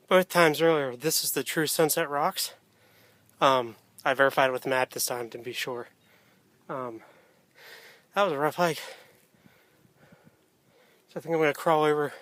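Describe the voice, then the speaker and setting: A man narrating a hiking vlog in a casual, unscripted way, often pausing mid-thought, recorded outdoors on a handheld camera. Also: mid-range voice, a bit bright, no room sound. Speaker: hiker filming a trail vlog. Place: outdoors on a wooded rocky trail near a stream. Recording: outdoor camera audio with ambient noise.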